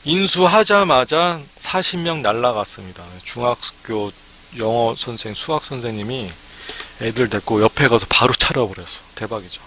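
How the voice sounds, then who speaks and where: A man lectures over a live stream in a bright, forward voice, talking in a loose, chatty way and dropping "ne" between points. A faint hiss sits under the recording. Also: mid-range voice, expressive, normal speed. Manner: chatty, frequent "ne" fillers. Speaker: academy startup consultant.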